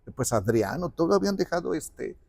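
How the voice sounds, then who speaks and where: Mellow-voiced man telling a story. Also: fairly high pitch, fairly quick, gravelly. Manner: animated, acts out quoted dialogue. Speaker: guest speaker on the parish patron saint. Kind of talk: conversational storytelling.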